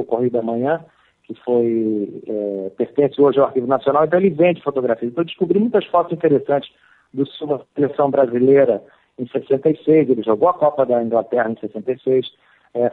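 Man in his fifties on a phone line. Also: fairly high pitch. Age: 50s. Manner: hesitant, many fillers and restarts. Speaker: author, guest. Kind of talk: conversational interview answers.

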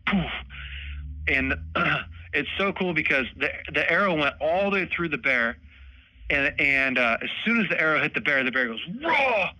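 Male guest, casual storyteller, bright forceful tone, dry close sound. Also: fairly high pitch, normal speed, no echo, rough recording. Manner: animated, laughs often, acts out moments. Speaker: podcast guest, bowhunter.

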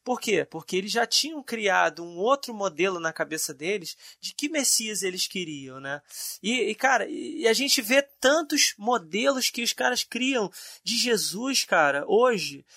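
A Brazilian man with a high, gravelly voice chats about faith in a laid-back, slangy, joking way. His tone is bright and the sound is close and dry. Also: very animated, measured pace, no room sound. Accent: Brazilian Portuguese. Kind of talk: casual faith discussion.

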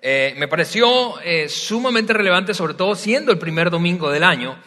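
A man from Venezuela, preaching a sermon in a relaxed, storytelling way, often pausing with hesitations. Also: high-pitched. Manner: warm, conversational storytelling with frequent hesitations. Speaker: pastor. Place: large church hall. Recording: long hall reverb from a large church.

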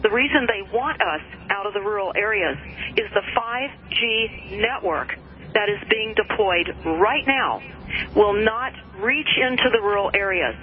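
A woman from the United States speaking as a radio show guest, earnest and alarmed about conspiracies, with halting ums. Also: mid-range voice, expressive. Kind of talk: talk radio commentary. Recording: dull phone-in audio with noise.

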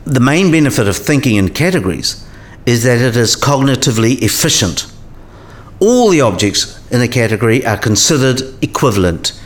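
A man voices a patient professor in a radio play, explaining category theory in a precise, didactic way. His pitch is medium and his delivery sing-song at a normal speed, only lightly acted.

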